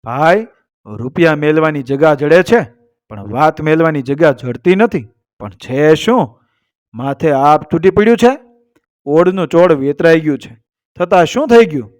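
A worried merchant, as a man puts him on in a folk tale, speaking in a hushed, pleading way. The voice is a little high for a man. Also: expressive, measured pace, muffled recording. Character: worried male merchant seeking help.

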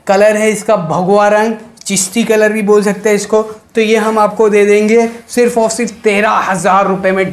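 A young man giving a chatty sales pitch to camera, mixing in English words. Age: young adult. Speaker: second-hand phone seller presenting shop stock. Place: small mobile phone shop, indoors. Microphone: lapel mic.

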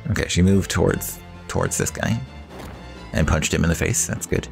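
A man with a very deep, gravelly voice talks through a strategy game in a loose, thinking-aloud way. He weighs his moves and reads bits of the story out loud, with game music faint behind him. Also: fairly even intonation, normal speed. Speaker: gamer playing a strategy game mod. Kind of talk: casual gameplay commentary.

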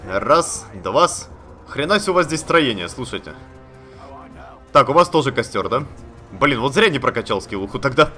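A man giving chatty, excitable commentary while playing a video game, talking to the characters on screen and swearing casually. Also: mid-range voice, normal speed, faint music behind. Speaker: let's play gamer. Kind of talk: live gameplay commentary.

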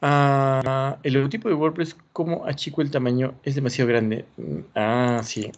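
A man's voice: medium pitch, steady tone, normal speed. A man teaching an online class, thinking aloud and encouraging as he reviews students' work. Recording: dull lo-fi sound.

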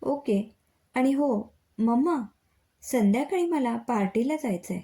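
Young college guy in a storybook, playful and cheeky, mellow voice, as a woman narrator puts him on. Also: on the high side, animated, slow, voice pushed up. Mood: coaxing.

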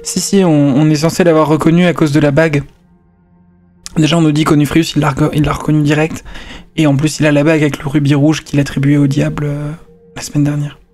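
Streamer man, slightly high voice, reads and chats over faint music. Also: flat delivery, quick pace, a little mellow. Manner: casual asides, stumbles over words. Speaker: streamer reading aloud. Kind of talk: reading a story aloud with casual commentary.

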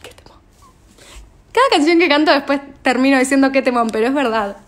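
A young Argentine woman, a singer, chatting casually on a phone livestream and reading fan messages aloud with quick asides. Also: high-pitched. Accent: Argentine Spanish.

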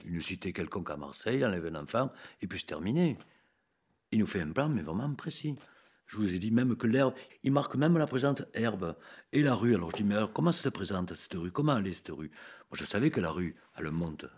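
Male investigator, husky and low, talks through an old interrogation. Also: a little mellow. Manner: recounts an interrogation, quoting the suspect. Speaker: police investigator. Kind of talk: documentary interview.

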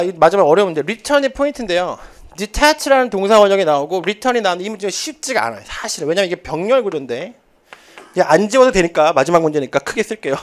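High-voiced male English test instructor in his thirties, animated and jokey, given to chatty tangents mid-lecture. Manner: joking, chatty, rambling asides. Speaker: TOEIC instructor. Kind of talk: lively classroom lecture. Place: lecture classroom.

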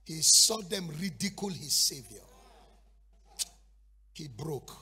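A man's voice: fairly high pitch, animated, slow, bright, forceful tone. A male preacher delivering a fiery, sing-song sermon and acting out Bible scenes with dramatic storytelling. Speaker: apostle preaching.

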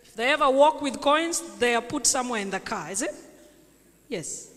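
A Kenyan woman preaching a sermon in a church, telling stories at a deliberate pace and asking the congregation questions. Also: on the high side, expressive, fairly bright tone. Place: large church sanctuary. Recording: echoey church hall.

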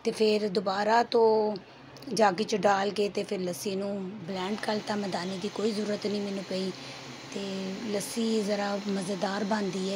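Home cooking vlogger: middle-aged woman, Punjabi accent, hoarse, easy chatty narration, mid pitch. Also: darkish tone, a little hiss or hum. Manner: chatty, homely, mixes Punjabi into Urdu. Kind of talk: casual vlog voice-over.

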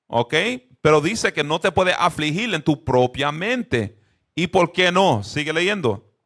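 A man teaches a Bible lesson in an animated, conversational way. His voice sits a bit high, and he keeps checking in with his listeners. He slips English fillers into his speech. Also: measured pace. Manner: drops English fillers into Spanish.

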